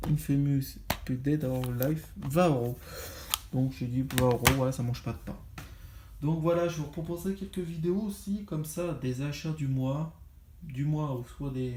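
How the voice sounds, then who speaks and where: Male vlogger, mellow and rambling, faint background hiss. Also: medium pitch. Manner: rambling, many fillers and restarts. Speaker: video game collector vlogger. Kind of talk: casual haul review.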